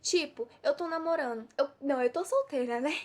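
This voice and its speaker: High-voiced woman preaching. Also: brisk. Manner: preachy, full of rhetorical questions. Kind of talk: informal devotional sermon.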